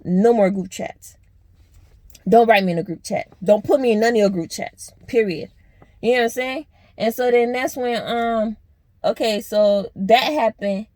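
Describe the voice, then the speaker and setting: A woman's voice: on the high side, moderate pace, darkish tone, no echo. Blunt, profane young woman telling a story. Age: young adult. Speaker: vlogger. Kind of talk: casual storytime vlog.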